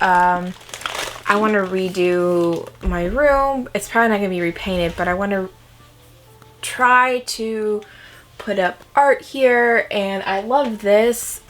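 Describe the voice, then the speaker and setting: A woman's voice: medium pitch, fairly bright tone. A woman talks casually to her camera from her room. She rambles a bit, fills gaps with ums, and corrects herself mid-sentence in an easy, unpolished way. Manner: chatty, rambling, with fillers and self-corrections. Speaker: craft vlogger. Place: bedroom set up for filming.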